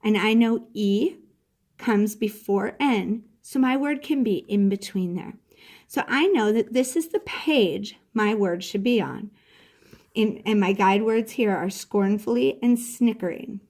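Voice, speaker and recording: A woman's voice: medium pitch, measured pace, darkish tone. A woman teacher giving a patient classroom lesson, spelling out words letter by letter as she explains a step.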